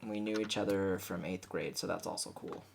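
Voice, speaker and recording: A young man in casual vlog chat, talking in a goofy, deadpan way as a singer-songwriter between songs. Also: sits low, moderate pace, gravelly, noisy background. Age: young adult.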